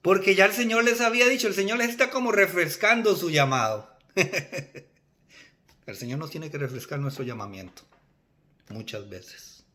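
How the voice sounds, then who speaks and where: Animated bright-voiced male preacher. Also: a little high, normal speed, long pauses. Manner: animated, acts out dialogue with rising and dropping voice. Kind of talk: sermon.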